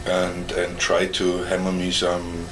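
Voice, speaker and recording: Answering questions in an oral history interview, a man in his forties from East Germany, whose first language is German, speaks with a German accent. His low-pitched, monotone speech halts as he searches for English words, and he chuckles often; the recording quality is poor.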